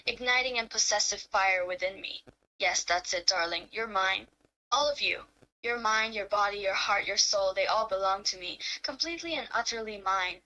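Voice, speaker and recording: [name], a woman playing a bright-voiced possessive lover. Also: medium pitch, highs cut off, lightly acted. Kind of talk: live-streamed romantic roleplay reading.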